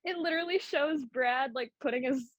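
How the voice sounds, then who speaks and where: A woman's voice: high-pitched, normal speed, dry recording. A woman on a podcast walks through a film's story in loose, casual chat. She laughs often and swears freely. The recording is dry and close. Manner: recaps the plot with laughter and profanity. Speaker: podcast co-host.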